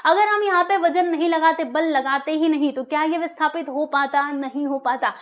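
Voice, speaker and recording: A woman's voice: sits high, normal speed. A woman teaching a science lesson to schoolchildren, calling them dear children, asking questions and answering them herself. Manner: asks questions and answers them, checks in with "right?"; addresses listeners as dear children.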